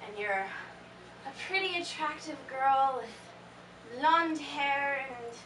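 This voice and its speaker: This woman's high, expressive voice is slow and a bit bright, a full character voice for a giggly, tipsy teenage girl. As a convention panel performer, she gives a breezy, rambling comedic monologue live on stage to a laughing crowd. The room is echoey, and the noisy recording comes from far off.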